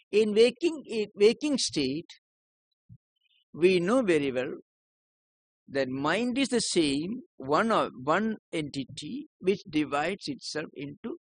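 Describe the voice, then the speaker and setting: A man giving a philosophy lecture in a measured, explanatory way, posing rhetorical questions to his listeners. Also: a little high, a bit bright, no room sound.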